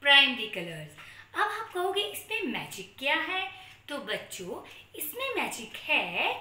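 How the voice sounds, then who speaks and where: High, lively Indian woman teaching small children. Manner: sing-song teacher talk, addressing children with questions. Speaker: kindergarten teacher. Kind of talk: children's lesson presented to camera. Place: small room at home, indoors. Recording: echoey small room.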